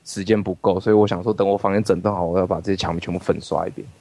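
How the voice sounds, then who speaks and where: A man hosting a livestream, telling stories in an animated way and swearing freely. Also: low voice, rapid-fire, no room sound. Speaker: livestream host. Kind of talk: casual storytelling chat. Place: his rented room at home.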